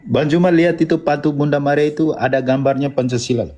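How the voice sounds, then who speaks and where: A man in a live debate, pleading with his opponent, repeating himself and asking for calm. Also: fairly high pitch, fast. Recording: faint background noise.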